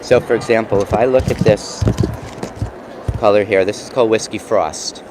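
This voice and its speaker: A man with a New York accent casually explaining and demonstrating craft products, pausing mid-sentence as he works. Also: lowish voice, fairly even intonation. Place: busy convention booth. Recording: noisy trade show floor background.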